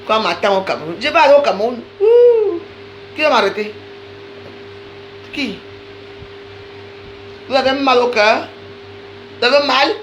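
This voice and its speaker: A woman's voice: on the high side, expressive, normal speed, pauses often, a bit bright, faint music behind, low-quality recording. A woman delivering a heated, accusatory live-stream rant, talking straight to her viewers and repeating phrases for emphasis. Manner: accusatory, insistent, addresses viewers directly.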